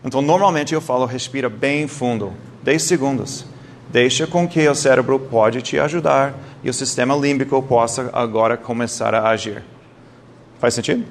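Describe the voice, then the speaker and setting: A man with a mid-range voice lectures a live audience at a brisk pace, telling stories in a lively way and quizzing the listeners. He makes occasional non-native slips, and there's a little hiss or hum in the audio.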